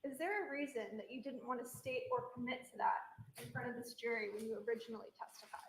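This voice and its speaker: A woman's voice: a little high, fast. Female attorney in an echoey courtroom recording. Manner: pointed, leading questions. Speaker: trial attorney. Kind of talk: courtroom cross-examination.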